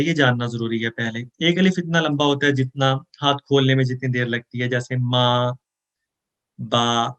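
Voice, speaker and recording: A man with a Pakistani Urdu accent teaching Quran memorization, slowly chanting verses and then explaining them plainly. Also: medium pitch, fairly bright tone, lo-fi sound. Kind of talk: recitation lesson with explanations.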